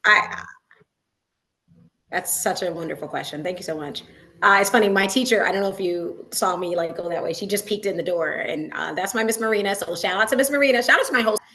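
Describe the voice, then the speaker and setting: Speaking from her school building over a video call, a woman who founded the school is interviewed as a guest. Her voice is medium-pitched, brisk and sharp, and she chats in a casual, bubbly way, full of "like" and "you know what I mean."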